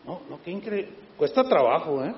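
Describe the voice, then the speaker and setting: A man's voice: fairly high pitch, sing-song, fairly quick. A man preaching a conversational sermon as pastor, often mimicking his critics' voices and adding rhetorical asides. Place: large church hall. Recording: echoey hall, slightly dull sound.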